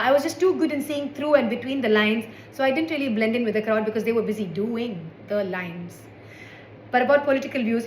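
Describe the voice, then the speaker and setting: A woman in her forties from India doing a stand-up comedy set with wry, sarcastic asides. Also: on the high side. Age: 40s. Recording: echoey room with faint background noise.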